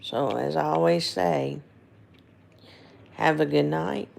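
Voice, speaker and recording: Hoarse woman losing her voice, heavily creaky. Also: low-pitched, steady tone, slow pace, darkish tone. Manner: rambling, informal, checking in with viewers. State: hoarse, losing voice, throat gone. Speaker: livestream host, nursing home resident. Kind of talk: casual livestream chat.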